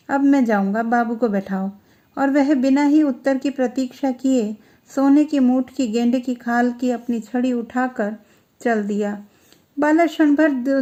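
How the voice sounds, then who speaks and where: A woman narrating a literary short story in a measured, expressive storytelling manner. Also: on the high side.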